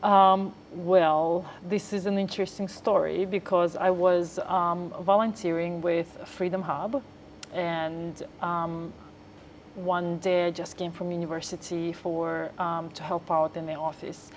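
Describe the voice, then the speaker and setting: A young woman from Tajikistan being interviewed, telling a story in a chatty, animated way with lots of fillers. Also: lowish voice, unhurried, slight background noise. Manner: animated, acts out dialogue, many fillers. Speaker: interviewee, trafficking survivor. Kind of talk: conversational storytelling.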